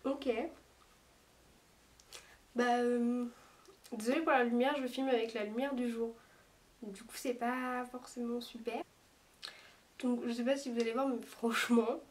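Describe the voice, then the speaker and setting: A woman with a slightly high voice chats her way through a makeup review, pausing and hesitating often. She sounds a little distant from the microphone, as if filming herself across a daylit room. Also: darkish tone. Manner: chatty, hesitant, lots of small pauses. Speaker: beauty vlogger. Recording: voice a bit far from the mic.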